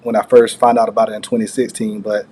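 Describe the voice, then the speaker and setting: A man with a fairly low, flat voice talks quickly over background noise. As the host of his own channel, he reacts to a recorded call with rambling, unscripted commentary that repeatedly circles back on itself.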